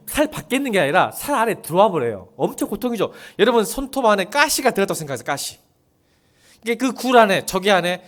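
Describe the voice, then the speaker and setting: A male pastor delivers a sermon with a fairly high, very animated voice that rises and falls widely. He keeps putting rhetorical questions to the congregation, dropping to soft low lines and then building to loud ones.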